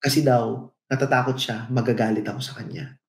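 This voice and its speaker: A middle-aged Filipino man, co-hosting a podcast, tells stories in a casual, reflective way and slips English into the chat. His mid-range voice stays fairly even in intonation and runs fairly quick. The room sounds echoey.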